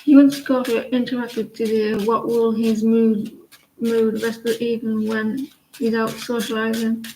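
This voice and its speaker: A woman giving a casual live tarot reading, chatty and halting, often trailing off and restarting. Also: a little high, level tone, darkish tone. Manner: chatty, halting, sings snatches of songs between readings. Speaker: tarot reader. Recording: echoey room, faint noise.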